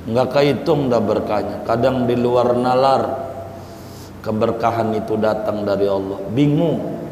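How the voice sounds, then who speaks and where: A man's voice: medium pitch, a little slow, darkish tone. A male preacher giving a folksy sermon, repeating his points and addressing the listeners as brothers. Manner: folksy, repetitive, calls listeners "saudara". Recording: echoey hall with faint noise.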